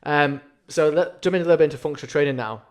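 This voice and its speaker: A man's voice: a little high, racing, clean tone. A man interviewing someone in a casual, informal and agreeable way.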